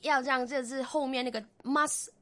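A woman's voice: high-pitched, fairly even intonation, moderate pace, pushed and bright. A woman guest tutor in a radio chat lesson, patiently explaining step by step.

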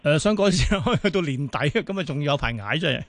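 A man's voice: fairly high pitch, expressive, fairly quick, dry recording. A man with a Hong Kong Cantonese accent hosting a casual financial interview on the radio. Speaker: radio host. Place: close, dry radio studio.

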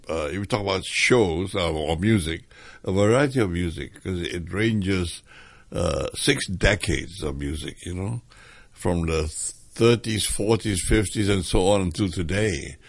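A man's voice: deep voice, expressive, unhurried, creaky, no room sound. An older man from Hong Kong, reminiscing hesitantly with many fillers in an interview. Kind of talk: oral history interview.

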